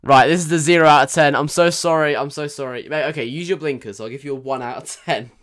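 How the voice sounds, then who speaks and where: A man's voice: fairly high pitch, fast talker, a bit bright, no room sound. A man streaming a driving game, reviewing players' driving with playful, teasing banter. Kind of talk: live game commentary.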